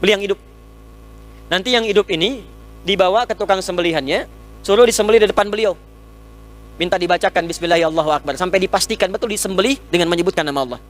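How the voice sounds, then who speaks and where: High-voiced male preacher, lively and joking. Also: very fast, faint music behind. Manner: animated, joking, teaching with everyday examples. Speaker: Islamic preacher. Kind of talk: humorous sermon lecture with questions and answers. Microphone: speaking into a microphone.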